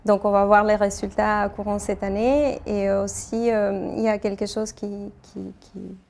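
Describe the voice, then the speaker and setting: Flat-voiced woman. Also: medium pitch, unhurried, gravelly. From Argentina. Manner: hesitant, many fillers and restarts. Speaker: architect interviewee. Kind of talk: interview answers.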